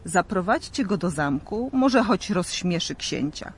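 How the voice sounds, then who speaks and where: Guy doing a mocking gatekeeper from a storybook, scoffing, a bit high. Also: sing-song, a little slow, slight background noise, exaggerated voice. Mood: grudging. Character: mocking older male castle gatekeeper. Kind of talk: storybook reading.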